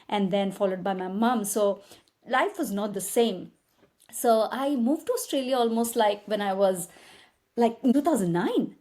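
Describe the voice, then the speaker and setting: A woman in her thirties from India with an Indian accent, a guest migration agent telling her life story in a casual interview, animated and full of quoted dialogue. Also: medium pitch. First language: Tamil.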